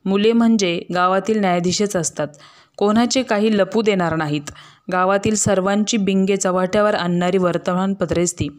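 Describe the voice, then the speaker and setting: A woman narrating a classic story in a steady, measured reading voice, slowing down for verse. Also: medium pitch.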